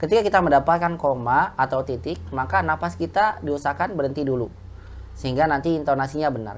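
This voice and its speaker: A woman with an Indonesian accent and a very deep voice teaches an Arabic class. She corrects students patiently and repeats phrases slowly to model them.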